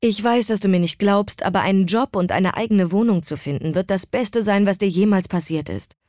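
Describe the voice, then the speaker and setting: A woman's voice: mid-range voice, brisk, a little mellow, dry recording, clean studio sound, lightly acted. A woman voicing a sensible young woman who talks in a matter-of-fact, patient way in an audiobook. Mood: exasperated.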